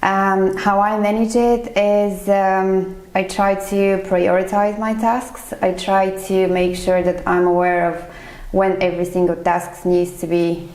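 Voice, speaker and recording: Answers come slowly and thoughtfully, full of fillers, from a Bulgarian finance professional in her thirties, a chief financial accountant interviewed on a casual podcast. Her medium-pitched voice is level and a little mellow, slightly slow, with a roomy sound.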